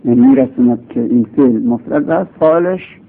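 A man's voice: medium pitch, gravelly. A man teaching grammar in a classroom lecture. He explains patiently, repeats his examples, and his voice leaps up for emphasis. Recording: tinny lo-fi phone-like recording.

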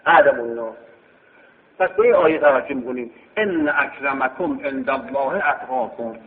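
A man teaching a grammar lesson, explaining step by step and repeating key phrases. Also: mid-range voice. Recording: tinny phone-like sound in a reverberant hall.

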